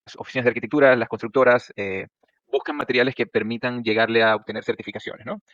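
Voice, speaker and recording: Fast-talking Venezuelan man, dry and dull. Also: mid-range voice, steady tone, fairly bright tone. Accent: Venezuelan Spanish. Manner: hesitant, many fillers and tag questions. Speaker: startup founder. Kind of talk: casual explanation to a mentor.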